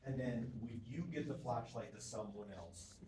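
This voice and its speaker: A man's voice: mid-range voice, normal speed, noisy background. A man leading a cave tour, playfully giving instructions to children, his voice echoing around the cave. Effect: cave echo. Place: inside a cave. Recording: strong cave echo, from far off.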